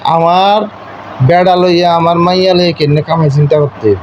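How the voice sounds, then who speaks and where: A young man on a call lectures his wife in an eastern Bengali regional dialect, speaking at normal speed with a voice on the high side and fairly even intonation. The domestic argument is informal, and he is domineering, insistent and repetitive. Sound is muffled with faint noise.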